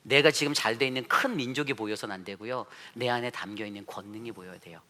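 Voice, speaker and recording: A man, a pastor, preaching a Sunday sermon in a church, animated, with rhetorical questions and acted-out quotes. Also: mid-range voice, fast. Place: church sanctuary.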